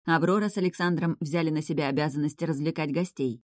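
A woman's voice: deep voice, steady tone, fast talker, no room sound. A woman reading a fantasy novel aloud as audiobook narrator. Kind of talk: scripted narration.

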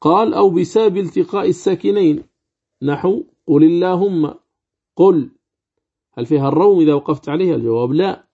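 A man teaching the rules of Quran recitation, asking and answering his own questions and slowly demonstrating words. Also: a little high, husky, phone-quality sound. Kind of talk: religious lesson commentary.

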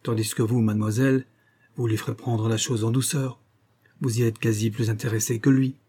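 A man's voice: mid-range voice, level tone, fairly quick, warm tone, husky, close to an everyday voice. A man voicing an old male blackmailer who whines with false humility and sly mockery, in a read-aloud novel. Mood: mocking. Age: older. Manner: wheedling, falsely humble, mocking.

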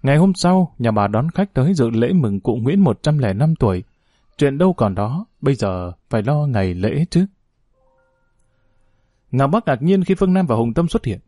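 A man narrating an audiobook story in a steady storytelling reading. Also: mid-range voice, moderate pace, no room sound, clean studio sound.

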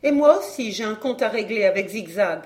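A woman's voice: mid-range voice, lively intonation, fairly quick, a little mellow, close to an everyday voice. A woman voicing an earnest young woman in an audiobook, asking pressing questions. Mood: eager. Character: earnest young woman seeking her father's killer. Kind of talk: audiobook character reading.

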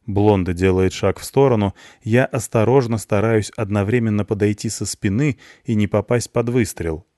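A man reading an audiobook in an even, unhurried narration. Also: fairly low pitch, no room sound. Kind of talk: scripted narration. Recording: dry close studio sound.

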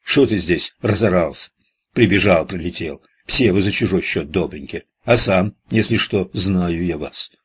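An irritable cemetery manager who snaps and sneers in shrill outbursts, voiced by a male audiobook reader. Underneath the shrillness the voice stays husky. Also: a little slow, a bit bright, heavily acted. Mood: irritated.

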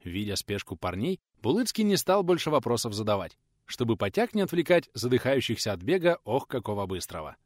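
Man, audiobook narrator, expressive storytelling, lively pitch, dry close-mic sound. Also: brisk, dry recording. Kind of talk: scripted narration.

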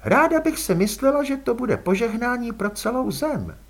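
A man's voice: extremely high pitch, big pitch swings, pitched above the performer's own voice, full character voice. A man reading an audiobook and voicing an elegant, aristocratic female vampire who talks coolly and with poise. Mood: cool, poised. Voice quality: cool, poised, drawling. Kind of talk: audiobook character voice.

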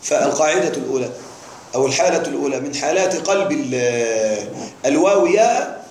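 Teaching Arabic grammar in a lecture, a man with a fairly high, expressive, slightly mellow voice talks a little fast and quizzes his students with question after question. Echo and faint noise fill the classroom.

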